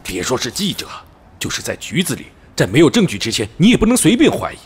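A man performs a full character voice in Chinese audio drama acting: a strict, wary middle-aged cop and father, reproachful and emphatic as he admonishes. His mid-range voice swoops wildly in pitch, moves quickly, and has a breathy edge.

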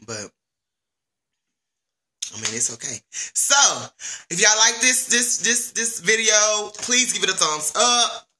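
Bright, lively woman vlogging through spicy heat. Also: mid-range voice, unhurried, slight background noise. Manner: chatty, talks straight to viewers, stammers and restarts while her mouth burns. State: mouth burning from spicy noodles. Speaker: vlog host. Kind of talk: casual vlog chat.

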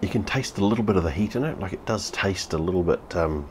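A New Zealand man in his fifties reviews beer on camera at home, with a TV behind him, in a casual vlog. His voice sits low and he talks quickly, bluntly and with plenty of swearing, repeating himself. There's slight background noise.

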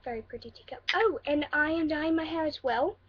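A woman's voice: high voice, fairly quick, dull audio, background noise. A young woman chatting casually in a cosplay vlog, rambling and giggly.

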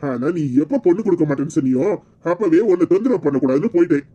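A man's voice: a little high, expressive, very fast, mellow, dull audio. A man playing a scheming young village man, sly and boastful, in a Kanyakumari Tamil accent. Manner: sly, cocky, persuasive.

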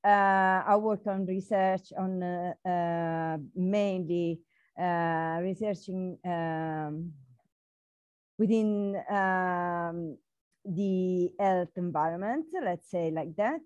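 A woman from Italy with an Italian accent, introducing herself slowly on a video call with many fillers. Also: fairly low pitch, steady tone, darkish tone, no room sound. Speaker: book club participant. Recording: dull dry call audio.

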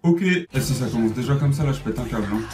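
A man giving excitable gameplay commentary, swearing and yelling at opponents as he plays. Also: mid-range voice, fast talker, distant mic. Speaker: gamer. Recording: echoey room, voice off-mic, music underneath.

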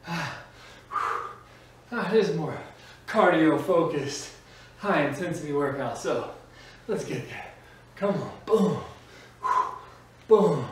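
A man working as an aerobics instructor, coaching a workout with motivational urging and short called-out cues while exercising. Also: fairly high pitch. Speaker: fitness instructor. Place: small home gym with bare walls, indoors. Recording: echoey room, distant mic, faint noise.

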